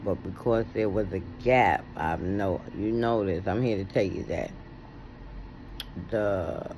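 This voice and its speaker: A middle-aged American man chatting casually to a phone camera with halting, toothless speech. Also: fairly low pitch, slight background noise. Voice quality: toothless, soft-edged articulation. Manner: halting, with long pauses. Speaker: video blogger. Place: indoors at home, reclining. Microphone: phone at arm's length.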